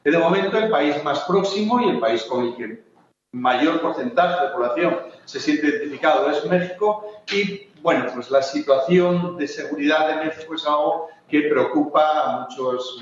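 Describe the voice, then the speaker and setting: A man from Spain speaking on a conference panel, hesitant, with many fillers and restarts. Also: medium pitch. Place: large conference hall. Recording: echoey hall, distant, dull lo-fi.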